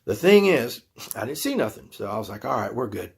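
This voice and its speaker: A man's voice: mid-range voice, very animated, fairly quick, gravelly, slightly rough. A man telling a personal story to camera in a folksy, rambling way, acting out his own reactions. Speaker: YouTube channel host.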